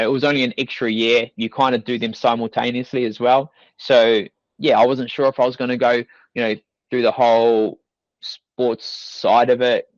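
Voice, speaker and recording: A young New Zealand man, a fitness coach appearing as a podcast guest, rambles loosely in a medium-pitched voice, leaning on fillers like "you know" and "like." It's a casual podcast interview with no echo and a dull, dry studio sound.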